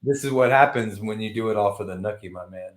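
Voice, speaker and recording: A man's voice: fairly low pitch, quick pace, reverberant. A man hosting a casual chat, joking crudely and swearing a lot. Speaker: podcast host.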